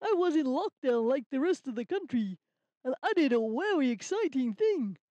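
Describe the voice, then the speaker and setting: A woman's voice: high voice, big pitch swings, moderate pace, dark tone, no room sound. A woman voicing a cheerful, earnest young male rabbit in a children's puppet story, speaking in simple, careful sentences. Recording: slightly dull lo-fi sound.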